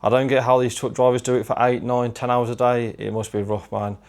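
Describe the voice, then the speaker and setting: A young man who makes game-collecting vlogs chats casually on a travel vlog, worn out after a long drive. His medium-pitched voice is flat, fairly quick and darkish, with a tired, self-deprecating manner. There's no room sound.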